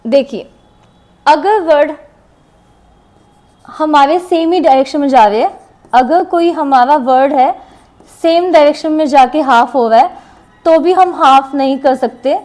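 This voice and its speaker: High-voiced woman teaching shorthand slowly. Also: darkish tone. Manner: slow, patient, repeats words while writing examples. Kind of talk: classroom lesson explaining shorthand strokes.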